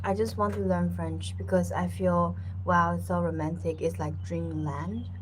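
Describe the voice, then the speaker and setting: Her fairly low voice moves at a measured pace, captured in a low-quality recording with a little hiss or hum. She's a Mandarin-speaking language teacher from Taiwan in her thirties, talking in English to camera on her own channel, chatty and relaxed, full of fillers and repeated words, and often laughing.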